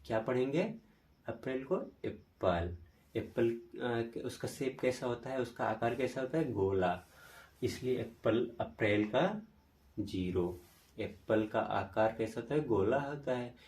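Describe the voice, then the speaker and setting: Man, exam-prep teacher, slow, repetitive, slightly distant mic. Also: mid-range voice, animated, a little mellow. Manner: slow, repetitive, drilling memory tricks.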